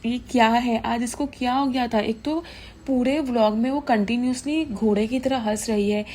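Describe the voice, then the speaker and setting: A woman's voice: a little high, fairly even intonation, normal speed, dark tone, slight background noise. A young woman giving casual, indignant gossip commentary, switching freely into English. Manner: chatty, mixes English into Hindi, indignant gossip. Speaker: commentary vlogger.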